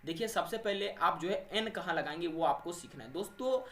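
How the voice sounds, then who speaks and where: A man teaches an exam-prep grammar lesson, asking questions and answering them himself. His voice is bright and sharp. The room around him is echoey. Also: high voice, lively intonation, a little fast. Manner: addresses students as friends and little brothers, asks and answers own questions. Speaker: English teacher.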